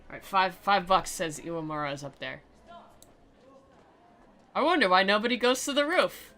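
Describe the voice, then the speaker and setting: Medium in pitch and pushed and bright in tone, a woman talks at normal speed through a game playthrough. She mocks it sarcastically, reads passages with dramatic flair, and giggles easily.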